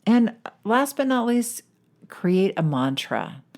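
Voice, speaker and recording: A woman's voice: mid-range voice, very animated, slow pace, a little mellow. A woman hosting a podcast as a weight-loss coach, talking in a casual, enthusiastic and encouraging way.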